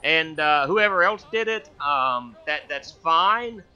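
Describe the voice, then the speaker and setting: A gaming channel host rambles through a casual let's-play, stammering and restarting often as he plays. His voice is fairly high, expressive, sharp yet smooth, and he takes his time. It's captured on a headset gaming mic with a dull, lo-fi sound.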